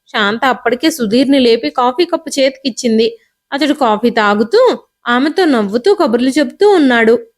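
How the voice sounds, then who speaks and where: High-pitched woman reading an emotional family story aloud, steady and expressive.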